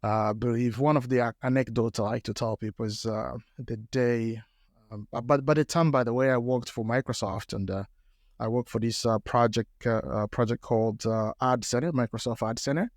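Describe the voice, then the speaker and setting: A middle-aged guest from Ethiopia speaks fairly quickly in a mid-range voice with fairly even intonation. Telling a story at a live podcast panel, he hesitates and uses many fillers, and the recording is clean studio sound without echo.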